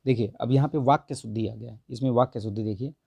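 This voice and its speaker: A hoarse man works through exam answers in a Hindi grammar lesson, checking each option and dropping in "okay" after nearly every line. His voice is dark and gravelly from a sore throat. It is recorded close and dry, with no room sound. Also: mid-range voice, fairly even intonation, fast talker, no echo. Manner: repeats "theek hai" constantly, corrects answers with mild humor. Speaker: exam prep teacher.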